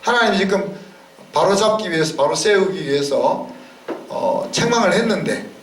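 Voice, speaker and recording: A man's voice: high-pitched, lively intonation, moderate pace, a bit bright. A man, a pastor, preaching a sermon in a conversational way, often checking in with the congregation. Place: church sanctuary. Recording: roomy church sound from a distance.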